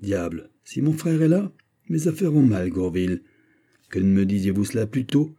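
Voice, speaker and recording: Haughty minister read by a man; husky, raised voice, indignant declamation. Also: on the low side, expressive, moderate pace, warm tone. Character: proud haughty male finance minister, imperious. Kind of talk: audiobook character reading.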